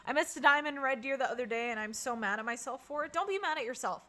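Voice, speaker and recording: A woman's voice: high voice, lively intonation, quick pace, bright, forceful tone. A woman chatting casually on a live stream while playing, reading and answering chat and groaning at misses. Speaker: game streamer.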